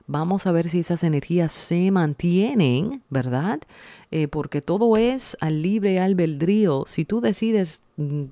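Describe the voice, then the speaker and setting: Soft-voiced woman giving a tarot reading. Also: on the low side, animated, no echo. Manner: slow, soothing, reassuring, speaks directly to the viewer. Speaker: tarot reader. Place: indoors at a table, hands seen laying out cards.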